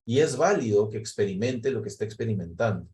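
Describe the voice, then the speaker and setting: A man's voice: fairly low pitch, lively intonation, fast, a little mellow. Guy teaching a workshop session, explains step by step, keeps tagging stuff with a little question. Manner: explanatory, often tags phrases with ¿no?; acts out example replies in quoted voices. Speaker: workshop facilitator. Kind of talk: recorded training session.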